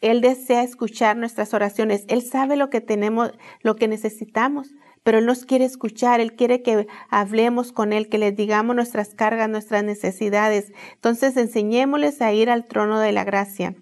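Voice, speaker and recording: A woman's voice: fairly high pitch, steady tone, normal speed, few pauses, darkish tone. A middle-aged woman, giving an earnest devotional talk to women, repeating phrases and often asking "¿verdad?" to draw in her listeners. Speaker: women's ministry teacher.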